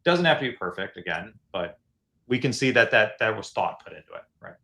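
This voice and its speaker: A man's voice: on the low side, very animated, a little fast, vocal fry, pushed and bright. A man hosting an online session and giving encouraging feedback to fan designers in a casual chat, often restarting his phrases.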